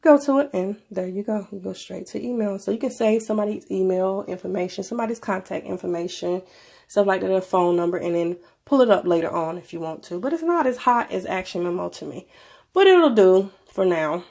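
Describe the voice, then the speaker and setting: A woman's voice: medium pitch, expressive, a little fast, gravelly, darkish tone. A woman with a stuffy nose from a cold, presenting a casual tech review in an informal, conversational way. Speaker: video presenter.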